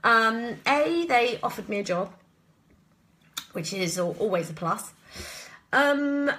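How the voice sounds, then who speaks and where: A British actress and voice actor answers viewer questions in a casual live Q&A indoors at home, rambling and being self-deprecating as she goes. Her slightly high voice is animated, slow, and fairly bright, and the recording is rough.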